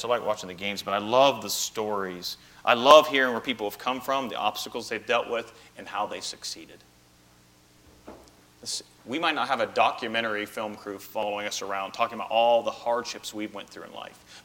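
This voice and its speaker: Animated, bright-voiced male preacher. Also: mid-range voice. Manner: animated storytelling preacher, rising to emphatic bursts. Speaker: pastor. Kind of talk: sermon.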